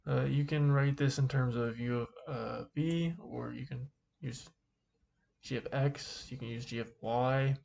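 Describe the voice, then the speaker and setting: A man speaking through a face mask, giving an informal calculus lesson in a halting way, thinking aloud as he goes. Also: mid-range voice, steady tone, vocal fry, darkish tone, highs cut off, a little hiss or hum. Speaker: math teacher.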